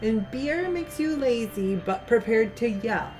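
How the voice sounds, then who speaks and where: A woman's voice: on the high side, expressive, unhurried, a little mellow, faint music behind. A woman voicing a tipsy teenage girl at camp, reading her lines in a drawling, slurred voice.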